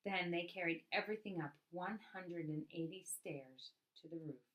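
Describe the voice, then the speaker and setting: A woman reading a picture book aloud as a storyteller, with expressive narration and dramatic emphasis on key words. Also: lowish voice, moderate pace, highs cut off, slight background noise.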